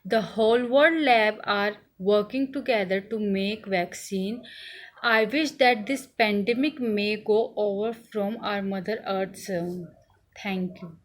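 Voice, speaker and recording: A young woman with an Indian accent delivers a prepared student speech in halting, deliberate phrases. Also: medium pitch. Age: young adult. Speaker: student contest speaker. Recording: faint background noise.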